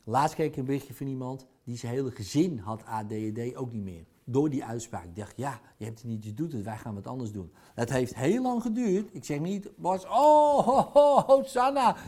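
A man's voice: mid-range voice, animated, a little fast, few pauses, dark tone. A man speaking in a blunt, provocative, conversational monologue, dropping in crude words as a speaker or coach. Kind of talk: casual monologue.

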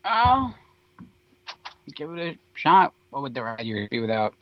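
A man co-hosting a podcast remotely, joking and easygoing in casual banter, his voice coming through a tinny, thin, low-bandwidth video call. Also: very animated, a little slow, slight background noise. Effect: tinny, thin low-bandwidth call audio. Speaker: podcast co-host joining remotely.

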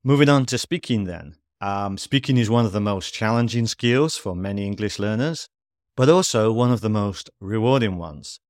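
A man teaching English in a scripted podcast lesson, reading at a steady, measured pace and spelling out examples clearly. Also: on the low side, no room sound, studio quality.

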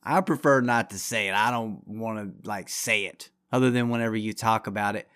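A man's voice: on the low side, brisk, a bit bright, clear, resonant tone, dry recording, clean studio sound. A man hosting a podcast alone, ranting in a crude, rambling, combative way with constant swearing. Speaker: podcast host. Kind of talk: profane solo podcast rant.

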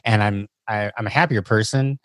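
Earnest man, dry close sound, slightly low. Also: normal speed, a bit bright, dry recording. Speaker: podcast guest. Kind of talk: casual interview conversation.

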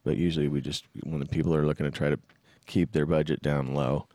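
A man's voice: a bass voice, flat delivery, quick pace, darkish tone, dry recording. A man in his fifties, a musician and band leader, talking in an easygoing, plainspoken way in casual podcast chat. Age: 50s.

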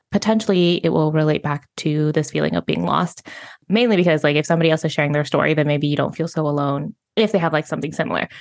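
A young adult woman hosting a podcast, talking in a chatty, casual way with frequent laughs and fillers. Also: fairly low pitch. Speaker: podcast host. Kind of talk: casual conversational interview.

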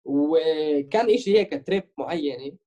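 A man's voice: on the high side, lively intonation, moderate pace, dark tone, highs cut off. A young man with a Jordanian-Palestinian Levantine Arabic accent, chatting casually as an interviewed musician and mixing in English words. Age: young adult.

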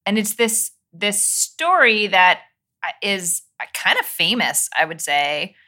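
A woman co-hosts a podcast, first reading a short intro and then slipping into easy banter. Her voice is bright and clear at a middling pitch. She sounds playful and chatty. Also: sing-song. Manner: playful, chatty, quick to laugh. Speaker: podcast co-host. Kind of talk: scripted intro, then casual chat.

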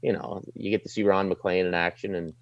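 A man's voice: low-pitched, steady tone, fairly quick, creaky, no room sound, muffled recording. A middle-aged man with a light Maritime Canadian accent, chatting casually and informally in an interview as a sports broadcaster, plain-spoken and slangy. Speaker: sports broadcaster, desk anchor.

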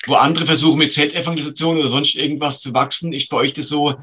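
A male interviewer fires off probing questions at a quick clip. His voice is bright and forceful with a husky edge, sitting a little high. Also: fairly even intonation.

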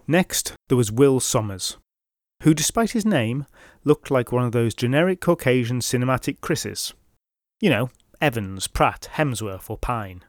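A man's voice: medium pitch, animated, unhurried, dry recording, clean studio sound. A man narrating British legends in a scripted, wry style with comic asides. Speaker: storyteller.

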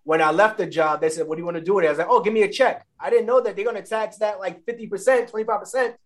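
Quick talking guy, a bit high, casual chat, keeps fixing what he just said. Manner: fast, loose, self-correcting. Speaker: guest, father. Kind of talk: casual chat about money.

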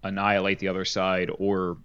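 Podcast co-host, man, low voice, relaxed explainer, dull lo-fi recording. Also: brisk, clear, resonant tone. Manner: relaxed, explains rules with fillers. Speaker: board game podcast co-host. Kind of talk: casual chat. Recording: dull lo-fi sound.

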